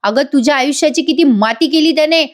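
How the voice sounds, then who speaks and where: A woman's voice: sits high, fast talker, pitched above the performer's own voice, close to an everyday voice. A woman voicing an angry, stern father scolding his family. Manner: scolding, raised voice.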